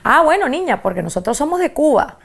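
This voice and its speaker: An elderly Cuban grandmother, as a woman puts her on, patient and fond as she tells stories. She speaks with a Cuban accent and a raised, gravelly pitch. She exclaims each point with emphasis. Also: very animated, fast, heavily acted.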